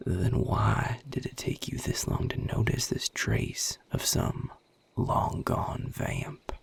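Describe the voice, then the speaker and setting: Whispering slowly in a gravelly, husky, breathy low voice, a man plays a guarded, gruff Southern vampire defending his territory, fully in character. He drawls with a Southern US accent and curt, sardonic authority, sounding suspicious as he addresses the listener in an audio roleplay.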